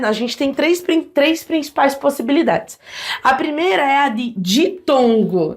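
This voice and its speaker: A woman teaching a Portuguese grammar lesson, talking straight to viewers and sounding out vowels and consonants for them to repeat. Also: high voice. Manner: lively, addresses viewers directly, models sounds aloud.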